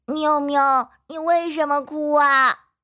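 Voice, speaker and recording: A woman's voice: high voice, steady tone, takes it slowly, sharp tone, pitched above the performer's own voice, full character voice. A woman voicing a timid little child starting kindergarten, small and whiny, close to tears. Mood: gentle. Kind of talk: storybook reading.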